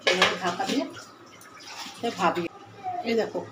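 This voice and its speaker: A woman's voice: medium pitch, moderate pace. A woman hosting a home cooking video, chatting through each step as she cooks in her kitchen. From Bengal. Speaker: home cooking channel host. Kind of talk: casual cooking demonstration. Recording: echoey kitchen with loud cooking noise.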